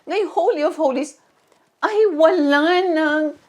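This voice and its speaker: High-voiced woman pastor preaching. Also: takes it slowly. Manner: conversational, animated storytelling with frequent fillers. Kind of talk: Tagalog-English sermon with personal testimony.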